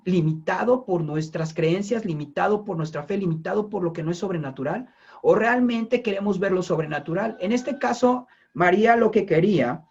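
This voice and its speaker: A man delivers a sermon in a husky, slightly rough voice, leaning on repetition and direct questions to his listeners. The recording sounds dull and lo-fi. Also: high voice. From Mexico. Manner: emphatic, repeats phrases and asks the listener questions. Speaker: preacher.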